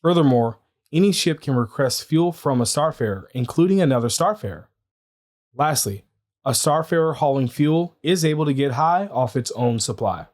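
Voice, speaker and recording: A man's voice: medium pitch, lively intonation, moderate pace, a little mellow. A man hosting a scripted news show, with a nasal, congested voice. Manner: joking banter in outtakes. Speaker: news host.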